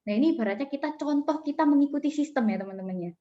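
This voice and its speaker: A business mentor with a high-pitched, expressive, warm voice talks rapid-fire over a video call, and the recording sounds muffled. She gives a coaching talk and tells a story, chatty and full of fillers, often addressing her audience directly.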